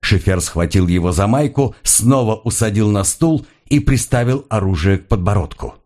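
A man narrating a thriller audiobook in a steady, grave storytelling manner. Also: fairly low pitch, moderate pace.

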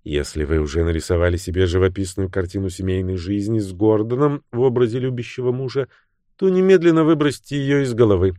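A man's voice: fairly low pitch, fast, mellow, dry recording, clean studio sound, natural voice. A man putting on a cool, mocking young woman.

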